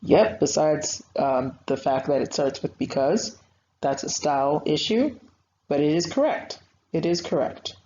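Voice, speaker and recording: A low, dark-toned woman's voice, animated but a little slow, belongs to a young writing instructor. She patiently talks through an online grammar lesson in a conversational way, filler words everywhere, on slightly dull lo-fi audio with faint noise.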